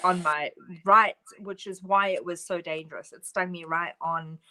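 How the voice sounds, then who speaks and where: A woman co-hosting a casual chat, relaxed and laughing often as she tells a story. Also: on the low side, normal speed. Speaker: co-host.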